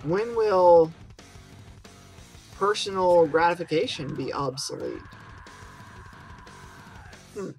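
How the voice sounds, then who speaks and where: A man's voice: high-pitched, expressive, slow pace, creaky, long pauses, soft background music, rough recording. A man in his thirties rambling reflectively to a camera in a vlog monologue. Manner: reflective, musing. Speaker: vlogger. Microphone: camera mic.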